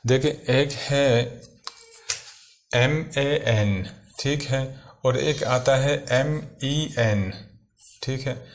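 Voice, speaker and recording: A man's voice: mid-range voice, a little hiss or hum. Patient male teacher repeating vocabulary words. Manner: slow, repeats each English word then gives its meaning. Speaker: English teacher. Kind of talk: vocabulary lesson.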